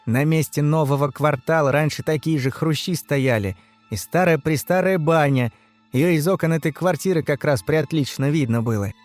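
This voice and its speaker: A man voicing a calm, cocky male house spirit who talks in a matter-of-fact way. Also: a little high, normal speed, soft background music, pitched above the performer's own voice, lightly acted. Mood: explaining.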